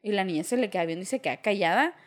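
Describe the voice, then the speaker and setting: A woman's voice: medium pitch, lively intonation, very fast. A young woman with a Mexican accent telling a story in casual chat, blunt and full of slang, acting out the people she quotes.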